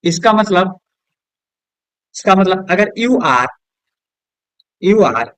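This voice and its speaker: A man with Hindi-accented English, teaching a lesson at a board, asking questions and answering them himself, softer and lower on each answer word. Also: animated, drawn-out words, no echo. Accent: Hindi-accented English words. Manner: drops low and soft on the answer words; keeps checking with "is that clear?".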